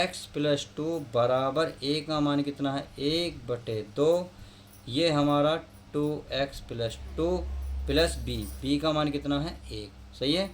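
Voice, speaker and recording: Male math tutor, asks questions as he works through problems; a bit high-pitched. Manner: explains step by step, asks students questions. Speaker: math teacher. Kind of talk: classroom lesson. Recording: faint background noise.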